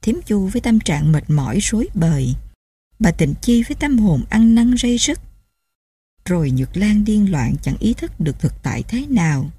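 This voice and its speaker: A woman narrating a novel as an audiobook, in steady, emotive storytelling on a close mic. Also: medium pitch, moderate pace, husky. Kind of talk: scripted narration.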